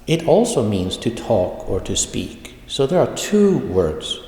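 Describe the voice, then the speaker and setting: Slow man teaching in echo. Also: mid-range voice, big pitch swings, mellow. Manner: slow, deliberate teaching, repeating words for learners. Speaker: Swedish language teacher. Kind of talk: recorded online lecture, reading dialogues and translating. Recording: echoey room with long reverb.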